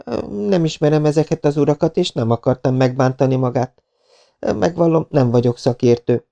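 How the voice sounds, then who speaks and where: A composed young woman from a storybook, gently firm and politely teasing, as a male narrator puts her on. The voice sits noticeably higher than his own yet keeps a gravelly, mellow grain. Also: muffled recording. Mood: ironic. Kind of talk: audiobook character voice.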